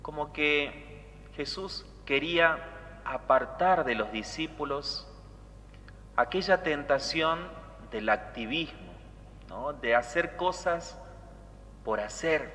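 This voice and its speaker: A man's voice: on the high side, expressive, slow, long pauses, bright, forceful tone. A man, a priest giving an explanatory homily with rhetorical check-in questions in a reverberant church. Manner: didactic, with rhetorical tag questions. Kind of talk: sermon. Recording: long church reverb, background noise.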